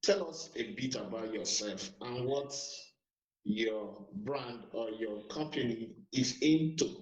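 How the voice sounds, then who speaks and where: A man's voice: mid-range voice, slow pace. A man hosting an interview podcast, giving a formal introduction of his guest and asking him questions. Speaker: podcast host. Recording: roomy, slightly dull sound.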